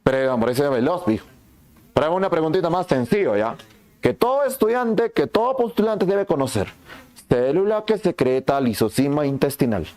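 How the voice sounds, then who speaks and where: Male anatomy prof, lively lecture, slightly high voice with big pitch swings, plays both teacher and student. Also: a little fast. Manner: asks and answers his own questions, plays the students' lines too.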